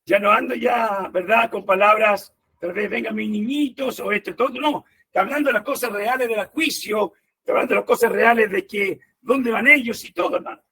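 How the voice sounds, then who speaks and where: A man preaching a sermon in an animated way, often calling his listeners brothers. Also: high voice, fairly quick, slightly rough.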